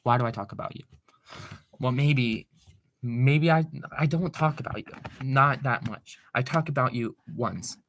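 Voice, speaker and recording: Live from a room at home, a young Marylander rambles fast and excitedly into his computer microphone in casual chat. His voice is mid-range, with a little hiss or hum in the background.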